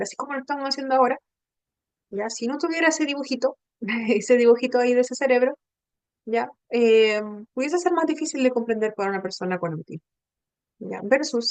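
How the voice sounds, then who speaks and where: Patient teacher, dry close voice. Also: female voice, sits high, no room sound. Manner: patient, explanatory, checks in with frequent tag questions. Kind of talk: online training class.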